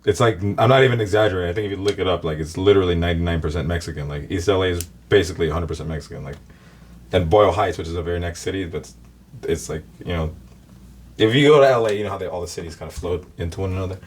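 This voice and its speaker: A man's voice: deep voice, racing, a little hiss or hum. A man hosting a reaction video, chatting casually to viewers and filling his talk with "like". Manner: chatty, addresses viewers, says like a lot. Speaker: reaction channel host.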